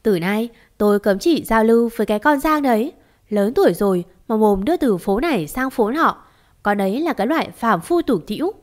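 Shrill bossy old mother-in-law, scolding, voiced by a woman narrator. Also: lively intonation, brisk, close to an everyday voice. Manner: scolding, shrieking.

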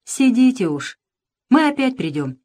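A stubborn village boy with a gruff, blunt way of talking, as a woman narrator voices him in an audiobook. His short lines come higher and louder than the narration. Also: big pitch swings, unhurried.

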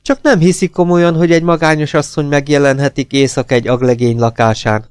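A man's voice: on the high side, fairly even intonation, smooth, dry recording, studio quality, pitched above the performer's own voice, natural voice. A man reading an audiobook voices a proud, defensive woman who answers with defiant agitation. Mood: agitated. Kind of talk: audiobook character voice.

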